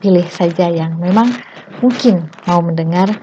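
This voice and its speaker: A woman giving a casual spoken lesson on self-confidence, chatty and full of tag phrases, sometimes acting out overdone greetings in a high squeal. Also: a little slow. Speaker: teacher giving self-development tips. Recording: muffled low-fidelity sound with faint hiss.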